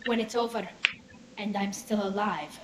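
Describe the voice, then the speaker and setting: A woman's voice: medium pitch, fairly even intonation, moderate pace, close to an everyday voice, rough recording. A woman voicing a firm, protective young female alien in a video game, speaking earnestly. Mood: guarded, resolute. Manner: earnest, resolute.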